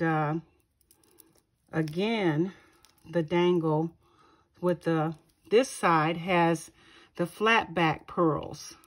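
Female craft vlogger, low-pitched and unhurried, admiring gifts in a casual show-and-tell. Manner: slow, gushing, pausing often to find words. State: keeps clearing her throat. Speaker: craft channel host.

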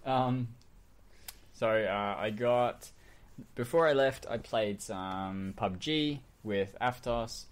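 A man's voice: mid-range voice, takes it slowly, clear, resonant tone. A man in his twenties, a podcast co-host from New Zealand, chatting casually and rambling, with many restarts and fillers. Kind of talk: casual chat.

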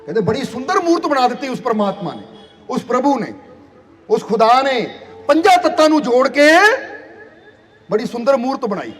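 A man's voice: very high voice, very animated, moderate pace, long pauses. A man giving a devotional sermon, earnest and repeating phrases for emphasis. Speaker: spiritual preacher. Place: satsang hall. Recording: long hall reverb.

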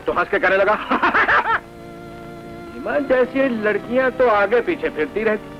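An actor playing a wisecracking comic student friend who talks in a joking, teasing way, in 1980 film dialogue on an old film soundtrack with music. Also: male voice, sits high, animated, muffled recording.

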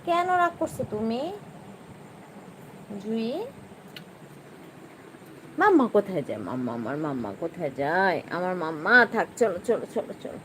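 A woman's voice: lowish voice, very animated, normal speed, long pauses, background noise. A woman at home, coaxing her pet in sing-song baby talk. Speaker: pet owner vlogger.

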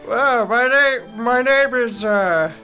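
A man voicing a doddering old male king in a video game playthrough, halting and stammering. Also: extremely high pitch, pushed and bright, faint music behind, voice pushed up, exaggerated voice. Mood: pleading.

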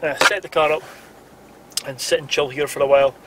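A Scottish vlogger in his forties lies in bed in the back of a car at night, rambling to a camera mounted close on the dashboard and laughing softly now and then. He keeps his voice hushed and low for bedtime, with fairly even intonation and a slightly quick pace. There's a little background noise.

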